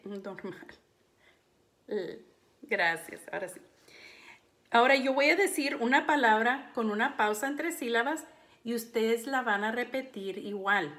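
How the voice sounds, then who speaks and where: Slow, deliberate woman teaching phonics. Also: on the high side, sharp tone. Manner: slow, deliberate, syllable-by-syllable delivery; clears throat often. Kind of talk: phonics lesson for young children.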